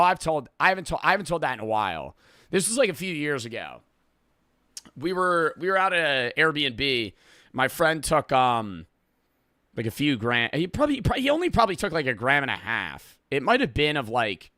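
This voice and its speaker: A man's voice: mid-range voice, pushed and bright, clear, resonant tone, no room sound, clean studio sound. A man streaming a reaction video, telling rambling, profane stories in casual talk.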